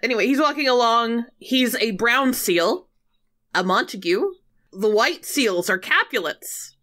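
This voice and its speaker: A woman co-hosting a podcast, recapping a film in a sardonic, animated way. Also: a little high, measured pace. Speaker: podcast co-host. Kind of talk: casual chat recapping a film.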